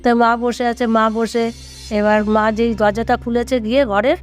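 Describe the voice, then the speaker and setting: A man's voice: very high-pitched, level tone, measured pace, faint music behind. A man telling a ghost story in casual conversation, rambling and repeating himself with many fillers.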